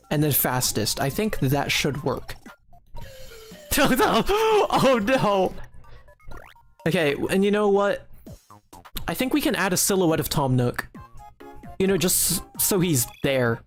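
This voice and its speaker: A streamer giving casual live commentary while making a game, giggly and rambling, often restarting sentences and joking in a mock-serious way to chat. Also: mid-range voice.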